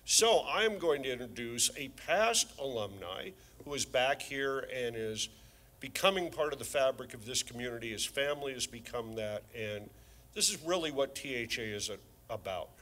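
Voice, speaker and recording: Man, bright forceful tone, heartfelt, ceremony introduction. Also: medium pitch, animated, normal speed. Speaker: school official introducing speaker.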